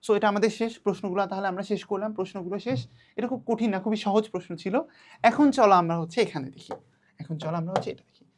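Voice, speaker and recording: A woman's voice: medium pitch, darkish tone. Patient young woman teaching a class. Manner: patient, repeats key words slowly for children. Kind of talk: online class lesson.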